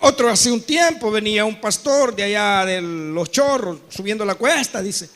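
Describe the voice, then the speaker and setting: A man preaching a sermon with a Salvadoran Spanish accent, telling stories animatedly, acting out dialogue and breaking into shouts, often checking in with his congregation. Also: high voice, moderate pace. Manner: animated storytelling with frequent asides to the congregation; acts out quoted dialogue and bursts into shouting. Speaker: pastor.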